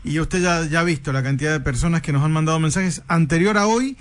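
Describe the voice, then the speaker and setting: A man's voice: fairly high pitch, fast. A man, hosting a radio interview in a friendly, courteous way. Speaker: radio host.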